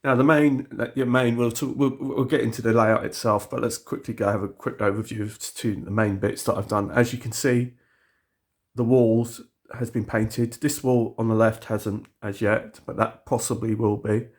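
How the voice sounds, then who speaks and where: In a casual walkthrough video, a man with a cold shows off the model railway layout in his indoor hobby room, sounding sniffly. His medium-pitched voice stays fairly even at a normal pace as he rambles, full of fillers and restarts.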